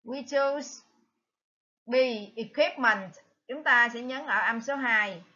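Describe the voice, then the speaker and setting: A woman teacher with a Vietnamese accent, slowly reviewing exam answers and reading each word aloud. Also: on the high side, sharp tone, highs cut off. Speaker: English teacher.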